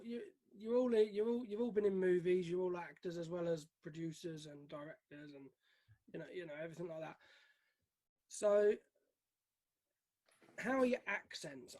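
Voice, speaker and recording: A man interviewing guests, asking questions haltingly and repeating himself. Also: high voice, darkish tone.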